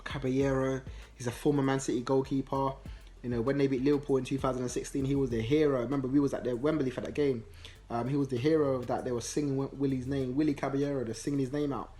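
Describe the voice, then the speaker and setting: A man giving a casual, animated match review, with many ums and restarts. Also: medium pitch. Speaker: football channel host.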